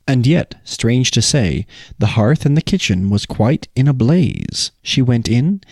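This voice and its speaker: On a folk tale podcast, a male co-host with a medium-pitched, slightly mellow voice mixes casual chat with storybook readings of folk tales. The recording is dry and of studio quality.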